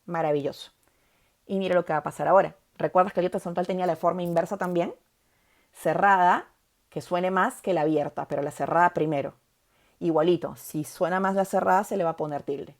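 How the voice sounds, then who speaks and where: A woman's voice: on the low side, fairly quick. A woman teaching a grammar lesson, stressing key words and often checking in with the listener.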